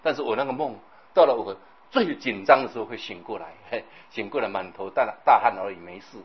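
A man giving a Buddhist sermon, telling lively stories, acting out scenes and often checking in with his listeners. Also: fairly low pitch, fairly quick, slightly rough, highs cut off. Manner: animated storytelling, acts out scenes, keeps asking the audience "right?". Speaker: Buddhist preacher.

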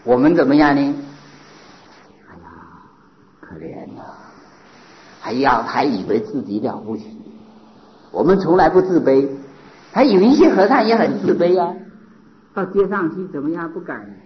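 A man, a Buddhist monk, giving a sermon with rhetorical questions and lively mimicry of people he describes. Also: on the high side, normal speed, long pauses. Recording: dull lo-fi recording.

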